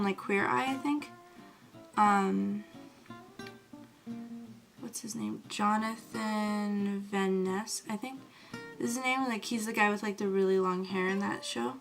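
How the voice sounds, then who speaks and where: A woman's voice: medium pitch, creaky. Gushing young woman vlogger, "like"-heavy. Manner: gushing, excitable, fills talk with "like". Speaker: beauty vlogger. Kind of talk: casual storytelling to camera.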